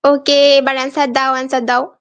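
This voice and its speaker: High-voiced chatty woman teacher. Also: little pitch movement, a little fast, lo-fi sound. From Bangladesh. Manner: chatty, coaxing, reads out student answers. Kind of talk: live online exam-prep class.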